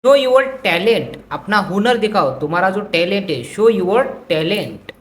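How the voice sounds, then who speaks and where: A woman teaching English vocabulary who says each phrase slowly twice and then explains it in Hindi. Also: mid-range voice, animated, a little hiss or hum. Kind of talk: vocabulary lesson.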